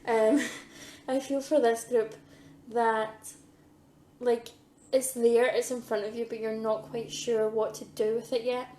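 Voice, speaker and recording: A woman who is a psychic medium giving a pick-a-card tarot reading, hesitant with many ums, losing her voice and clearing her throat. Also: on the high side, flat delivery, slow pace, dark tone, reverberant, slight background noise.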